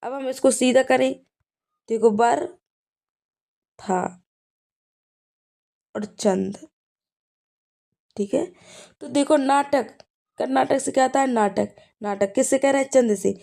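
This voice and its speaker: Speaking slowly with long pauses, a woman teacher with a high, warm voice and vocal fry helps students revise for an exam. Memory tricks are her focus, and she repeats key points while checking in with "ठीक है".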